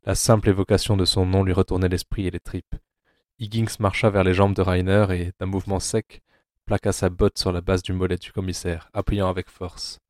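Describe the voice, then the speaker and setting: Deep flat-voiced male narrator. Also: brisk, no echo, studio quality. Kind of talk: dark scripted narration for audio drama.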